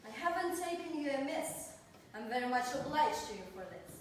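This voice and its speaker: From far off in a very echoey hall comes a high-pitched young society coquette, played by a woman on a classical stage. She declaims verse with theatrical poise, haughty and witty, and every courtesy is barbed with mockery. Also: lively intonation, normal speed, slight background noise. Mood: mocking. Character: witty twenty-year-old society coquette, mockingly polite and haughty.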